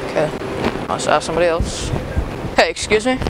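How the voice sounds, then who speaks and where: A man's voice: fairly high pitch, lively intonation, fairly quick, very noisy. A teenage boy hosting a casual prank vlog in a big store, talking brash and jokey into a camera mic. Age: teens. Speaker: prank vlogger. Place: large retail store indoors.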